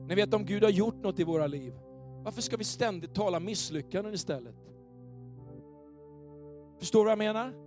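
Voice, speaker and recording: Male pastor, high voice, lively preaching in church, faint keyboard underneath. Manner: animated, questioning the congregation. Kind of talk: sermon. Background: soft keyboard pads.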